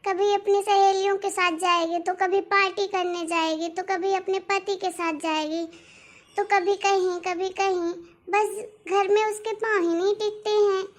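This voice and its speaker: A fed-up middle-aged mother-in-law, voiced by a woman in a cartoon story, complaining with big dramatic sighs. The voice sits very high. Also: flat delivery, measured pace. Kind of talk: cartoon voice acting.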